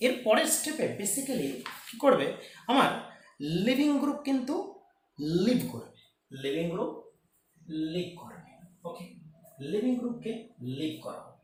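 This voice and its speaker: A man teaching chemistry in a lively, repetitive way, often checking whether his students have understood. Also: sits high. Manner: lively, repetitive, calls students "beta", checks if it's clear. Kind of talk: whiteboard chemistry lecture. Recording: echoey room, distant mic, faint noise.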